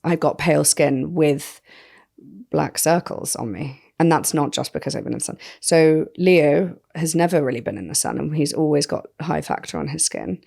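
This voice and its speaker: A woman's voice: low voice, moderate pace, vocal fry, darkish tone. Chatty woman, laughing often. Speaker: podcast co-host. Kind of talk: casual chat.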